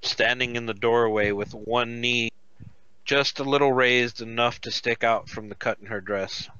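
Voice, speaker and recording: Slow, bright-voiced male game master. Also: mid-range voice, fairly even intonation, clean tone, no room sound, dull audio. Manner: descriptive and unhurried, with many fillers. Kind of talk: narrating a tabletop game.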